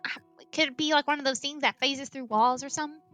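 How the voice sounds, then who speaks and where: A woman's voice: sits high, fairly even intonation, fast talker, fairly bright tone, faint music behind. A woman chatting casually as a player in a tabletop game. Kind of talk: casual chat.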